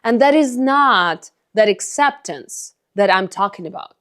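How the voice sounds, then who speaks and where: A woman's voice: medium pitch, expressive, measured pace, fairly bright tone. A woman giving a motivational self-help talk, speaking earnestly and directly to the viewer as a coach.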